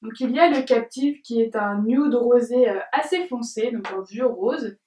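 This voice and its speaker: Filmed at home from a distance, with roomy-sounding audio, a young beauty vlogger talks through a beauty tag video. Her voice sits on the high side with a dark tone and a slightly slow pace, and she hesitates a lot, filling gaps with fillers and giggles.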